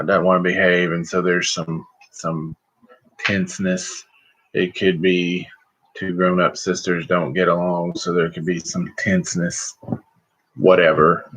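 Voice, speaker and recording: A middle-aged man chatting casually and folksily on a livestream, rambling along with hesitant pauses. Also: deep voice, a bit bright, husky. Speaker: host of a livestream vlog. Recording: slightly muffled, lo-fi livestream audio.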